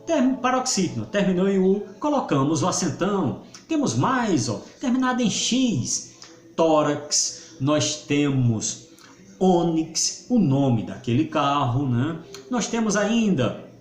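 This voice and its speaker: Slow, lively teacher. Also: male voice, on the high side. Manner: didactic, stretches syllables for emphasis. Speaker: Portuguese teacher. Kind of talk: video grammar lesson. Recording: roomy echo.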